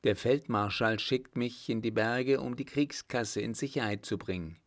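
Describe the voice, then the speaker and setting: A man voicing a confident young lieutenant in a calm, assured way, in a storybook reading. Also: mid-range voice, moderate pace, close to an everyday voice.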